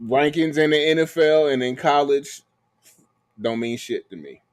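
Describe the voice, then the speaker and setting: A man's voice: on the high side, normal speed. Blunt, dismissive man talking sports. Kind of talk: casual sports chat.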